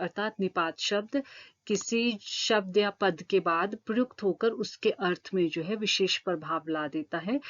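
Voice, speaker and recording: A woman's voice: medium pitch, lo-fi sound. A woman explaining Hindi grammar in an online lesson, patient and repetitive, with many verbal fillers. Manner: patient, repeats points with frequent fillers.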